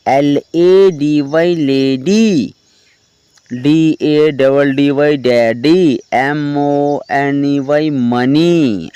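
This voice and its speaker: A man teaching English pronunciation rules, spelling words out letter by letter and often asking whether it is clear. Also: mid-range voice, a little mellow, no room sound.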